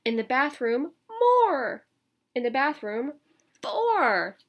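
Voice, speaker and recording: Her voice high and her delivery slow, a woman teacher brings a picture book to life for children. She reads emphatically and expressively, chatting casually to them along the way.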